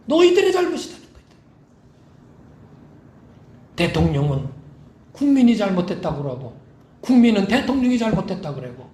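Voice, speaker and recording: Emphatic high-voiced male pastor preaching. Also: a little mellow, roomy sound. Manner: emphatic preaching, acting out quoted lines. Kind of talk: sermon. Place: church sanctuary.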